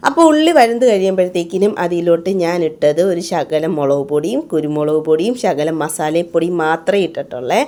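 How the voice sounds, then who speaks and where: A woman's voice: lowish voice, expressive, a little fast, few pauses, warm tone. A woman vlogger chatting casually in a voice-over about cooking and her child, often tagging her sentences with "you know". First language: Malayalam speaker. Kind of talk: casual voice-over narration of a home day.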